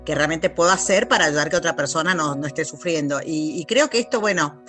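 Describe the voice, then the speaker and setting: A woman's voice: low voice, fairly quick, over music. A middle-aged Argentine woman answering interview questions in a thoughtful, reflective way, often checking in with short question tags. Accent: Argentine Spanish. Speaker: interview guest, lawyer and researcher.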